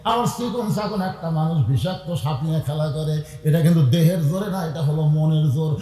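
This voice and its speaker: A man's voice: on the high side, quick pace, roomy sound, big-room sound, rough recording. A middle-aged man preaching a waz sermon, calling on the crowd to answer and asking them for donations. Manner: lively, calls on the crowd to answer and raise hands; appeals for donations, blesses each gift.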